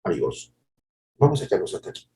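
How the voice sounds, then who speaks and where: A man preaching a devotional sermon as a pastor, with emotional delivery that swings between soft murmurs and loud cries. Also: fast talker. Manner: emotional preaching, acts out voices of others.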